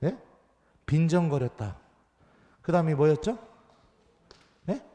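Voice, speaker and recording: A man, a priest, giving a lively homily to children and playing a quiz game with them in a church. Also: on the high side, slow pace. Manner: playful, counts down and teases the children. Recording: reverberant church hall.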